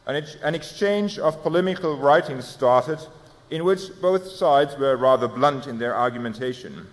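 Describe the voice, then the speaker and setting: Man reading a paper in an echoing hall. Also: mid-range voice. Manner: measured, formal delivery with small self-corrections. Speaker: theologian presenting a paper. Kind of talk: reading a prepared academic paper. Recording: long hall reverb.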